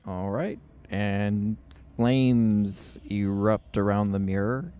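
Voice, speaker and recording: Slow, low-voiced male game master. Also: steady tone, dark tone, smooth. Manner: unhurried narration with frequent ums. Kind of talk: narrating a tabletop game.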